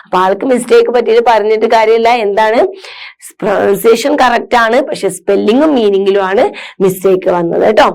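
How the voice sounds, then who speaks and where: A woman with a Malayali accent gives a recorded English lesson on homophones. She reads each English sentence slowly and carefully. Then she switches to quick, chatty explanation full of tag questions, calling her students children. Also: fairly high pitch, gravelly, a little mellow. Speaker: English teacher.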